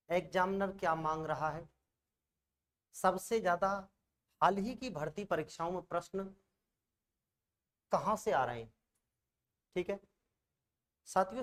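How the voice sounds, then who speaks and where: A male teacher with a high-sitting voice delivers an online exam-prep coaching lecture. He's chatty and constantly checks in with students through rhetorical questions.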